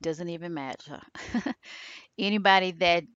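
Speaking a little slowly in a fairly low, clear and resonant voice, a podcast host delivers motivational talk with energy and emphasis. She acts out small voices of doubt and fear. The lo-fi recording has no room sound.

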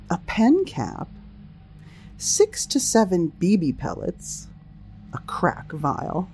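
A woman's voice: deep voice, a little mellow, slight background noise. A woman hosting a humorous solo talk show, speaking in a wry, teasing way with theatrical asides to listeners. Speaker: host of a sex-topic show.

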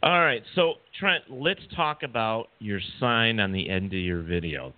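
Animated male radio host on the phone. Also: fairly low pitch, measured pace. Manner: animated, stumbling restarts. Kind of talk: casual talk show chat. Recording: tinny phone line.

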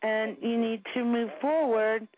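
A woman's voice: fairly high pitch, fairly even intonation, a little slow, no room sound. Blunt, laughing woman host on tinny radio. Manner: frank, blunt storyteller who swears and laughs often. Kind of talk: casual chat. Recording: tinny phone-like radio sound.

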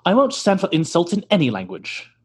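A man's voice: sits high, wildly swooping pitch, a little fast, slightly rough, exaggerated voice. An actor playing a vain, pompous male stage actor who talks theatrically and scoffs, in an old-time radio drama.

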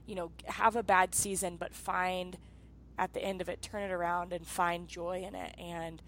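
A woman in her thirties with a somewhat low voice hosts a casual interview. She talks with empathy and often fills her phrases with "um" and "you know". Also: flat delivery, moderate pace, a bit bright, rough recording. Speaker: interview host, former soccer player.

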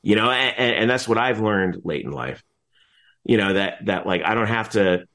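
At a normal speed and in a lowish voice, a middle-aged interview guest, an announcer and teacher, explains things casually. His manner is rambling and animated, and he often stops himself mid-thought.

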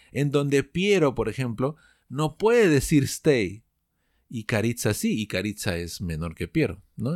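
A man's voice: medium pitch, darkish tone, no echo. A male English teacher, explaining patiently and stretching out example words. His voice sits in a middle register and sounds dry and close. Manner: explanatory, drawn-out demonstrations of pronunciation. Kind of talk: online language lesson.

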